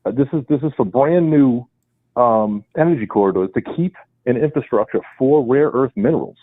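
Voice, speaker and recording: With an animated, mid-range voice at a moderate pace, a Boston man calls a radio show and explains at great length, rambling and stressing his points. He's home with his wife next to him. The dry phone line has no echo, and he switches from speakerphone to the handset.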